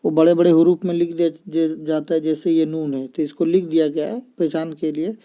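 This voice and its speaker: A man's voice: fairly high pitch, flat delivery, moderate pace, warm tone. A man teaching children's reading in a patient explanatory style, often checking in with listeners. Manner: patient, repeats points with "ठीक है ना". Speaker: teacher of Arabic letters for children.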